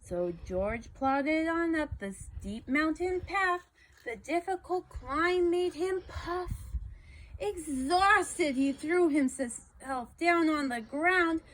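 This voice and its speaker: Expressive woman reading a picture book. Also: sits high, poor audio. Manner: expressive, unhurried. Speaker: storybook reader. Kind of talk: children's picture book read-aloud.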